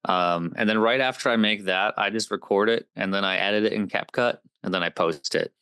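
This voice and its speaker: A man's voice: fairly low pitch, brisk, bright, forceful tone, smooth, no room sound. A man in his twenties, a comedy creator, chatting casually as a guest, upbeat and rambling with lots of fillers. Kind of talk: casual interview chat.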